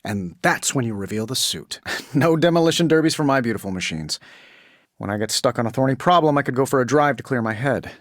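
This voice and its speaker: A man playing a cocky, quick-witted billionaire inventor superhero in a video game, with a glib, sardonic, wisecracking delivery. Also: mid-range voice, animated, dry recording, studio quality, lightly acted. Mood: upbeat, boastful. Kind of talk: scripted video game voice lines.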